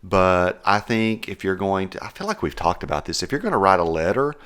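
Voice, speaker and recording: Guy w a west texas twang, kinda slangy, low voice, casual cohost chat. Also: lively intonation, fairly quick, fairly bright tone, clear, resonant tone. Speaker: podcast co-host.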